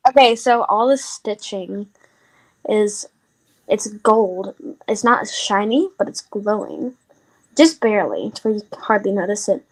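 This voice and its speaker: A woman's voice: medium pitch, sing-song, measured pace, low-quality recording. A woman playing a tabletop game, describing things in a thoughtful way. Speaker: player.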